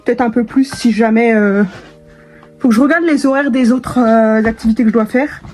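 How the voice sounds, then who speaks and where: A woman's voice: on the high side, moderate pace, a little mellow, faint music behind. A young woman chatting casually to camera in a vlog, full of fillers and restarts. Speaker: vlogger.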